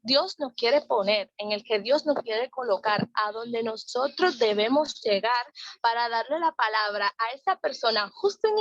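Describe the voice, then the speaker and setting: A woman's voice: a little high, no room sound, muffled recording. A woman leading a Bible study, talking earnestly and repeating phrases for emphasis.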